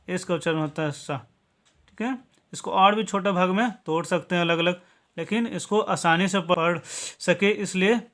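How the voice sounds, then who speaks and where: A man's voice: sits high, a bit bright. A man from Bihar, India, teaching English to viewers in a patient, step-by-step classroom style, checking in with 'okay?' after nearly every point. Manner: patient step-by-step explaining, tags many lines with 'okay?'.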